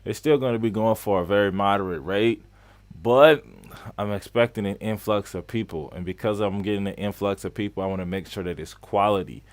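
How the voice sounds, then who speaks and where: A man's voice: lowish voice, brisk, no room sound. A man in his late twenties hosting a casual live-stream Q&A as a skate coach, chatty and repeating phrases for emphasis as he greets viewers. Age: 20s. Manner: greets viewers by name mid-flow.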